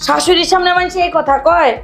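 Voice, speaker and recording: A woman's voice: extremely high pitch, steady tone, fast talker, fairly bright tone, soft background music. A woman playing a fussy, nagging, half-deaf older mother-in-law in a comedy short film. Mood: fussing. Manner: scolding, nagging.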